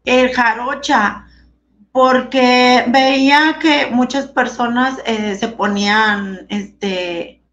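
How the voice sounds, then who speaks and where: Her voice fairly high and bright, drawing out words, a woman in her thirties from Monterrey with a northern Mexican accent giggles and hesitates through a casual video-call interview, using lots of fillers. She is in a small indoor room, picked up by a webcam with dull, lo-fi sound.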